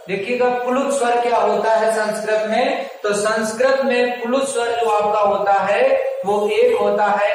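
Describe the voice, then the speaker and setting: A young man with a high voice teaches a class, drawing out vowel sounds in a sing-song way and answering his own questions. He stands away from the mic, and his words ring through a very echoey room. A faint hiss sits under the recording. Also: distant mic. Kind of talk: classroom lesson.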